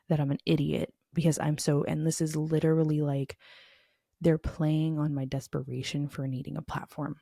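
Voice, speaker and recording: A woman's voice: low voice, gravelly, mellow, slightly rough, no echo, studio quality. A woman hosting her own podcast, talking candidly and earnestly, frustrated and emotional, in a conversational way full of "like" fillers. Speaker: podcast host. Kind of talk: candid solo podcast monologue.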